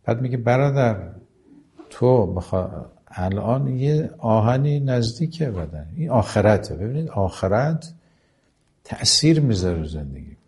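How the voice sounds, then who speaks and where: A man giving a religious lecture who recites Arabic passages slowly and then explains them in plain everyday speech. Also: medium pitch, sing-song, darkish tone. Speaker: preacher.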